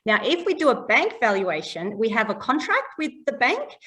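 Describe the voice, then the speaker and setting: A woman's voice: a little high, sing-song, normal speed, bright, forceful tone, recorded from a distance. A chatty woman in an interview, explaining her property valuer work in plain terms and laughing often. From Australia. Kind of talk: casual interview chat.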